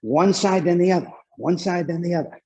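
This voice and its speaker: Breathy man coaching while cycling hard. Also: high voice, brisk, dark tone. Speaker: spin class instructor. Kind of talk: motivational indoor cycling coaching. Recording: dull, muffled lo-fi class recording.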